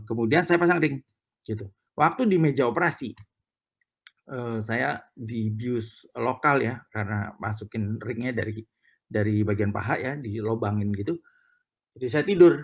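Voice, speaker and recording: A middle-aged male preacher with a gravelly, husky voice at a middling pitch. He tells his testimony in a halting way, full of fillers, then climbs to fervent emphasis when he praises. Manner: hesitant, many filler sounds and restarts. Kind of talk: sermon with personal testimony.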